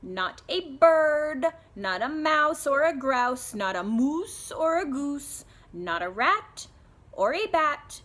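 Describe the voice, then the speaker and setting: Bossy cat mama scolding her kid, higher and louder, read by a woman. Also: expressive, slow pace, full character voice. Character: stern scolding cat mother.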